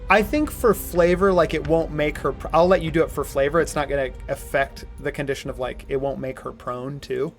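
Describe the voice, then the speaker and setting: A man running a tabletop game as game master, relaxed and chatty with lots of fillers. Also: fairly high pitch, brisk, few pauses, faint music behind. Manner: relaxed, laughs often, filler-heavy.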